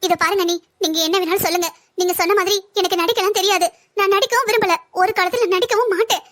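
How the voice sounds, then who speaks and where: A woman voicing a polite, soft-spoken young newlywed bride in a cartoon family story. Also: extremely high pitch, steady tone, quick pace. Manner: polite, respectful.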